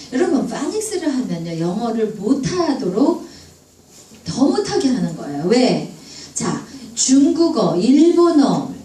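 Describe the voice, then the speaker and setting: A woman giving a lively public English lecture, asking the audience questions and acting out dialect jokes. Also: a little high. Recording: echoey room, distant mic, faint room noise.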